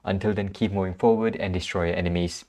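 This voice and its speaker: A man's voice: sits low, fairly even intonation, fast, a little mellow. A young man hosting his own channel, reviewing an anime episode in a casual, rambling way, sleepy and yawning late at night. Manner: rambling, with restarts and fillers. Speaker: anime reaction channel host.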